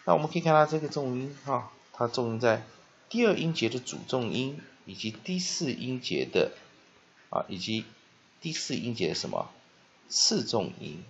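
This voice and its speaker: A man teaching English pronunciation, breaking words into syllables slowly and reading text aloud in a steady, deliberate way. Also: mid-range voice, lo-fi sound, slight background noise. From Taiwan. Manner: drills words slowly syllable by syllable, then reads aloud loudly. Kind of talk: spelling and pronunciation lesson.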